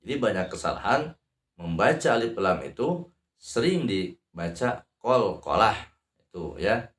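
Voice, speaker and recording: An Indonesian man teaches the rules of Quran recitation in a slow, deliberate, rather low voice. His explanation halts often on fillers before he chants a verse as an example. The sound is roomy and echoing. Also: sing-song, fairly bright tone.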